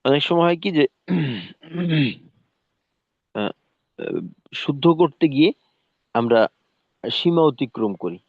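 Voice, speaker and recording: Slow tinny-sounding male recitation teacher. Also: a little high, animated, dry recording. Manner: slow, demonstrates letter sounds syllable by syllable. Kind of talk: recorded lesson. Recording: tinny phone-like dry sound.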